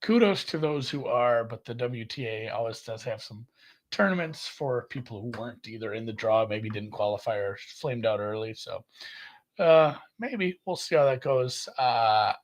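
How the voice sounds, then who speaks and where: A man co-hosting a sports betting podcast, talking in a rambling casual way and correcting himself often. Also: moderate pace. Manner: rambling, self-correcting, lively jumps in pitch. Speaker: podcast co-host.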